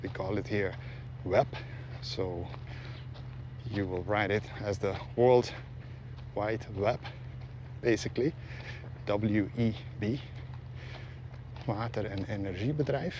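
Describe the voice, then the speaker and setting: A man's voice: on the low side, slow pace, long pauses. A man giving casual, rambling commentary as he hosts a walking vlog outdoors. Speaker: vlog host. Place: outdoors, walking along a road. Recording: faint outdoor ambient and vehicle noise. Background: faint ambience, vehicles.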